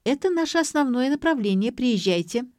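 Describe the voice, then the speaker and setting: A woman voicing a chirpy young female clinic receptionist who rattles off a fast sales patter. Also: sits high, animated, darkish tone, no room sound, clean studio sound, voice pushed up.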